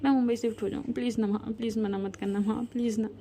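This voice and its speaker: A heartbroken young woman in her twenties, tearful and pleading, her voice soft and warm, as a woman narrator takes on her part. She begs again and again, her words dropping almost to a hush. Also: a little high, fairly even intonation, fast talker, natural voice. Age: 20s. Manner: pleading, repeats please.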